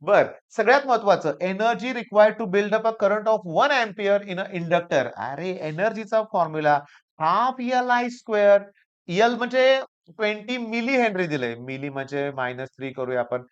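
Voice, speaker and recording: A man with a Marathi accent teaching physics for an exam, hoarse from a sore throat, coaxing his students and repeating the key points. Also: high-pitched, animated, unhurried, lo-fi sound. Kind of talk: exam-prep lecture.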